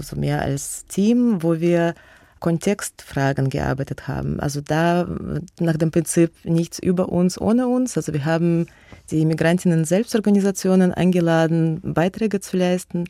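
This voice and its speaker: Her low, dark voice comes through in a dry recording. She is a museum curator, a native Russian speaker with a Russian accent, who fields radio interview questions about her museum work haltingly, often restarting and using many fillers.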